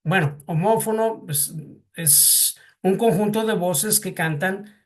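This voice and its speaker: A man's voice: sits high, slow. A man with a Mexican Spanish accent teaching a class, hesitant, with many fillers and repeated words, asking the students questions. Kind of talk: classroom lecture.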